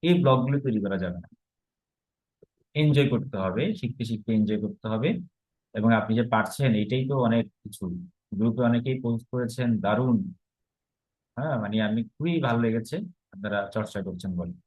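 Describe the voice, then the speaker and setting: A man's voice: mid-range voice, normal speed, long pauses, darkish tone. A man teaching a grammar lesson, explaining step by step and asking the class rhetorical questions. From Bangladesh. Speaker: Sanskrit teacher. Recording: slightly dull, lo-fi recording.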